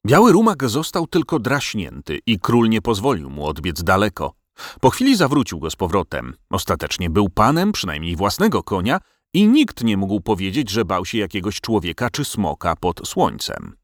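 A man narrating a storybook tale for an audiobook. His voice sits low but swings widely in pitch with expressive storytelling. The recording is dry and close. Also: normal speed, no room sound.

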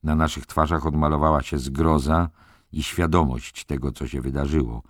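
Very deep-voiced male audiobook narrator. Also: steady tone, moderate pace, no echo, clean studio sound. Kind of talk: audiobook reading of a novel.

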